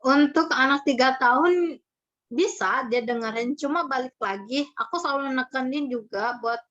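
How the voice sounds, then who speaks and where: A woman's voice: high voice, normal speed, a bit bright. Woman child therapist, webinar guest, chatty explainer, lo-fi call audio. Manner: chatty, explains with examples, acts out parent and child. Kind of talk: webinar talk giving parenting advice. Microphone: video call. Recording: muffled online call audio.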